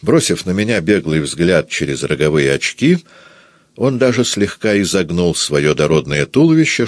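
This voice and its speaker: A man narrating a literary novel for an audiobook in a measured, expressive manner. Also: sits low, no echo.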